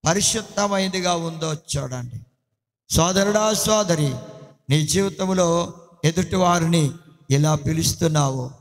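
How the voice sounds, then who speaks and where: A male pastor delivering a sermon, emphatic and repeatedly addressing his listeners directly. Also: high-pitched. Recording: long hall reverb.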